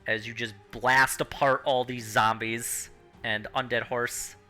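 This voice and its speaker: A man's voice: mid-range voice, flat delivery, unhurried, bright, forceful tone, faint music behind. A man running a tabletop game as game master, narrating and explaining rules casually.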